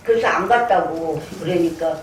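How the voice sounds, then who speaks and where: An older woman pastor preaches a sermon in a church sanctuary, earnestly sharing her own story as testimony and acting out her prayers. Her voice is low and her pace moderate. The mic is distant, the room echoey, with faint noise.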